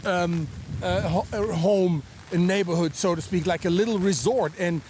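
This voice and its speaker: A man reporting live outdoors in a storm, halting and emphatic, raising his voice over wind and rain. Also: high-pitched, darkish tone. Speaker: field reporter. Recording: wind and rain noise behind.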